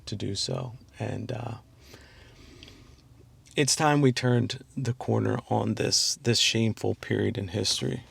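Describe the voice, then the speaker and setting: A man giving a rambling political monologue to his channel, halting with many fillers and restarts, clearing his throat and saying he is losing his voice. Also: mid-range voice. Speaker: channel host.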